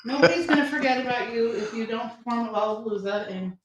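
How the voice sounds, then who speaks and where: A woman's voice: on the high side, fast talker, a loud crowd. A woman co-hosting a casual talk radio show, chiming in with dry, teasing remarks. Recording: echoey room with faint noise.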